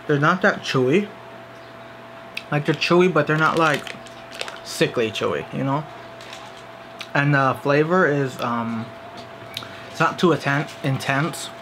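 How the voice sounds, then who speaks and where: A man's voice: a little high, a little slow, pauses often, noisy background. A young man with an American accent, talking while chewing in a casual, chatty taste-test video at home. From United States. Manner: chatty, easygoing, filler-heavy. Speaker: vlogger. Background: TV playing in another room.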